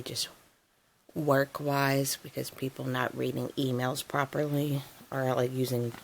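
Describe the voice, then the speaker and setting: Low-voiced woman in a chatty home vlog. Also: rough recording. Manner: rambling, filler-heavy, easygoing. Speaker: vlogger. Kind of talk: casual diary-style chat.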